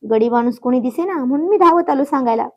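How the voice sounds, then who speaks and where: A woman's voice: high-pitched, fast talker, a little mellow, highs cut off. A woman voicing a nosy, gossiping older village man who talks breathlessly and pries. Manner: breathless, prying.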